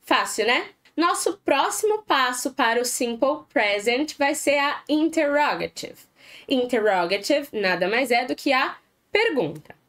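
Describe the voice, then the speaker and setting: Lively high-voiced Brazilian woman teaching. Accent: Brazilian Portuguese. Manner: lively, asks students to repeat examples slowly. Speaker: English teacher. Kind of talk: video lesson for exam prep.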